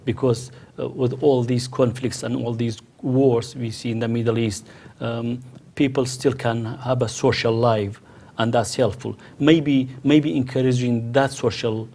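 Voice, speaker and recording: A man's voice: medium pitch, fairly even intonation, measured pace, a little mellow. A middle-aged man from the Kurdish region of Iraq, speaking as a panel guest in a hesitant way, with many restarts and fillers. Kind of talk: panel discussion.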